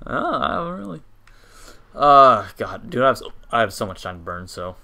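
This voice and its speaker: Young man with hiccups, excitable and bright. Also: medium pitch, normal speed, vocal fry. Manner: excitable, bursts into loud shouts and laughter. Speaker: let's play co-host. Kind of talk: casual gaming banter.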